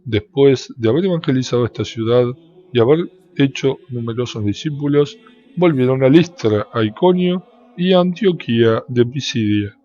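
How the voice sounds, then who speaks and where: A man giving a measured, solemn scripture reading that lifts into a sung lilt at the ends of phrases. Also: medium pitch, animated, warm tone. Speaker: Bible reader. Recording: dull, lo-fi with faint background noise.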